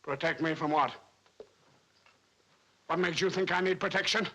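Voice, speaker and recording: Imperious middle-aged father, suspicious, high forceful voice, 1950s film drama. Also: moderate pace. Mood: angry, demanding. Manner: imperious, interrogating. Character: domineering, suspicious, forceful British father and boss. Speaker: actor.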